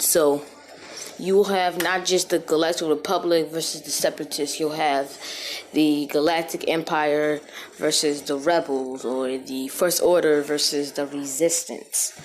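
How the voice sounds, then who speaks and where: A woman's voice: deep voice, slight background noise. A woman giving a casual, rambling gameplay voiceover, with many fillers and restarts, recorded in an echoey room. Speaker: gaming video creator. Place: echoey room, different from usual.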